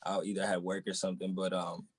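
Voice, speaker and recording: Laid-back young man, low dry voice. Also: flat delivery, fast talker, breathy edge, no echo. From Boston area, United States. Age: young adult. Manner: laid-back, fills with "you know what I'm saying". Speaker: rapper, interview guest. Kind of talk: casual interview chat.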